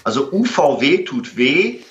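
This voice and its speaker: Bright-voiced man in a roomy room. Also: a little high, big pitch swings, measured pace. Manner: explains with many fillers and acted-out example dialogues. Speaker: guest expert on conflict resolution. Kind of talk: explanatory interview talk. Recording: roomy, dull lo-fi sound.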